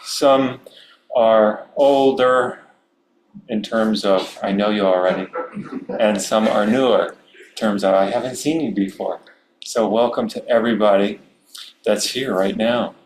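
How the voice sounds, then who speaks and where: A middle-aged man from Maryland speaking as a Zen priest, giving a relaxed, unhurried Dharma talk with many fillers and soft chuckles. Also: on the low side. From Maryland, USA. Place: meditation hall. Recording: roomy hall with faint hum.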